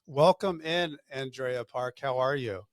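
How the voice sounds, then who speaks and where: A man's voice: medium pitch, measured pace, dry recording, clean studio sound. A man hosting an interview podcast, talking conversationally with fillers and restarts. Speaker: podcast host. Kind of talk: interview podcast with sponsor read.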